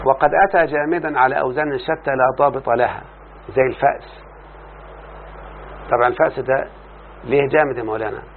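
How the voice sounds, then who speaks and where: A man's voice: mid-range voice, fairly even intonation, fast talker, pauses often. A man with an Egyptian accent teaching a classroom lesson on grammar, reading from a text, explaining it and often checking whether his student follows. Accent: Egyptian Arabic. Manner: explains then quizzes the student with repeated checks. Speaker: teacher of Arabic morphology. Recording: tinny lo-fi recording with faint hiss.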